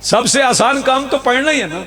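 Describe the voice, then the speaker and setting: Pakistani male preacher, high voice, rhetorical outdoor sermon with repetition. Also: moderate pace, pushed and bright. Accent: Pakistani Urdu. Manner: rhetorical, repeats lines for emphasis, rouses the crowd. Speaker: Shia preacher. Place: outdoor religious gathering.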